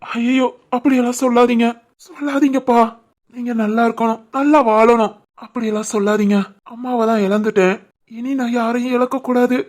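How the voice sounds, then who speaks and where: A woman voicing a gentle, dutiful grown son who speaks softly and reassuringly, with a Kanyakumari Tamil accent, in a cartoon family drama. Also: a little high, fairly even intonation, moderate pace, lightly acted. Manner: soft, reassuring.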